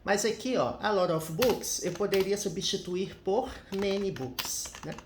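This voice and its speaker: Slow chatty guy teaching english grammar, echoey room, faint background noise. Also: high-pitched. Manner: chatty, frequent tag questions. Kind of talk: casual grammar lesson.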